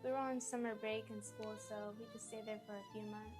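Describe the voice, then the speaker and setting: A woman's voice: a little high, little pitch movement, brisk, music in the background. A young female interviewee answering questions in a casual, chatty way.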